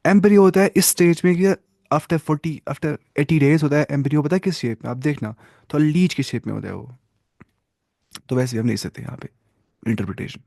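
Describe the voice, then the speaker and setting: A man's voice: on the high side, gravelly, darkish tone, no echo, studio quality. A man teaching a religious lesson, asking his listeners questions and repeating key terms as he explains them. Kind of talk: classroom lesson on hadith.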